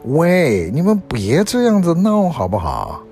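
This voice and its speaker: A man voicing a curious, spirited little girl in a storybook reading, lively and musing to herself. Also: mid-range voice, slow, faint music behind. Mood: curious, indignant.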